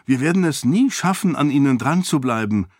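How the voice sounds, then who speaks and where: A man's voice: on the high side, lively intonation, no room sound, studio quality, pitched above the performer's own voice. A man doing an impatient young noblewoman. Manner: insistent, quick and determined. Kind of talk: audiobook character voice.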